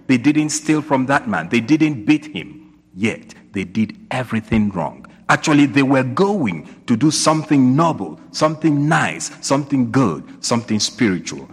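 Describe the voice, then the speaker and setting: Husky priest preaching in cathedral echo. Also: male voice, mid-range voice, animated, normal speed. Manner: preaching with rising questions and emphatic repetition. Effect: cathedral echo, long reverb of a large church. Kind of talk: sermon. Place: church. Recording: long church hall reverb.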